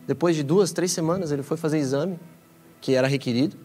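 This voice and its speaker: Slangy young Brazilian preacher. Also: male voice, on the high side, a little fast. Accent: Brazilian Portuguese. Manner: casual and slangy, with excited rising bursts. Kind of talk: sermon storytelling. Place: church hall.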